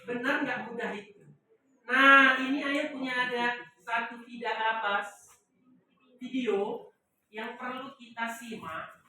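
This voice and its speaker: Bright-voiced teacher in an echoey classroom. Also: female voice, fairly high pitch, fairly even intonation, slow, long pauses, far from the mic, slight background noise. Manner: prompts the class to finish her sentences. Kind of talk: classroom lesson.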